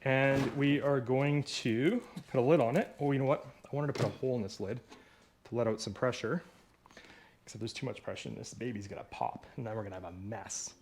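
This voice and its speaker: A man's voice: mid-range voice, steady tone, brisk, a little mellow, slight background noise. A man hosting a casual do-it-yourself video, rambling and joking with himself while he works through a repair in his home workshop. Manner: rambling, jokey, talks to himself while working. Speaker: DIY video host.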